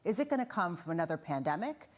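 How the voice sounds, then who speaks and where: A woman's voice: fairly low pitch, big pitch swings, fast talker. A woman in her forties co-anchoring a live news show, telling stories in a chatty way with frequent laughs. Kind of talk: live broadcast banter.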